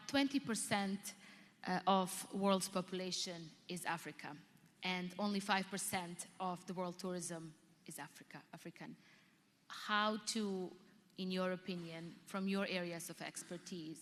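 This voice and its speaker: A woman's voice: fairly low pitch, a little slow, fairly bright tone. A woman from Southeastern Europe moderating a conference panel, asking questions with hesitant restarts. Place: large conference hall. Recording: reverberant hall, faint noise.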